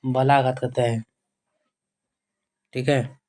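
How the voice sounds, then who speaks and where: A man's voice: medium pitch, little pitch movement, takes it slowly, dark tone, slight background noise. A male teacher giving a board-exam grammar lesson. He repeats himself, calls his students dear children, asks questions and answers them himself. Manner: repetitive, keeps addressing students fondly and checking with "okay".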